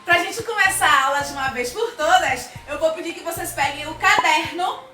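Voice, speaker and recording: Brazilian schoolteacher, high voice, upbeat, stretched-out syllables, roomy echo. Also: female voice, pushed and bright, recorded from a distance. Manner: upbeat, drawn-out syllables when sounding out words. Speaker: primary school teacher. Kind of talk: recorded video lesson for children. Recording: echoey room, voice off-mic, music behind.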